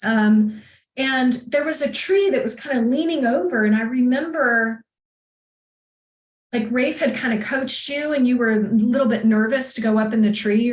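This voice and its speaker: A woman coach as a podcast guest, telling personal stories in a chatty, animated way and laughing often. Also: on the high side. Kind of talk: casual conversation, personal storytelling. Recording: echoey room.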